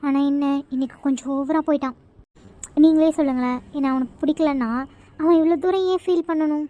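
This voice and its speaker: A woman's voice: high-pitched, fairly even intonation, fast, dark tone, natural voice. A woman voicing a devoted young college woman who talks earnestly and sulkily in an amateur audio drama. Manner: earnest, sulky, insistent.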